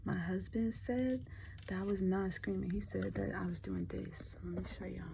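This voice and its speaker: A woman host telling a true ghost story in casual chat, sometimes dropping to a hush for the spooky parts, in her dark bedroom at night. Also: medium pitch, moderate pace, creaky, background noise.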